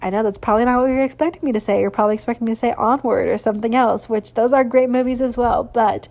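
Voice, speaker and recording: A woman's voice: a little high, steady tone, quick pace, a little mellow. A woman hosting a podcast, chatting casually and sentimentally, gushing with lots of fillers. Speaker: podcast host. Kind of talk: casual solo podcast chat.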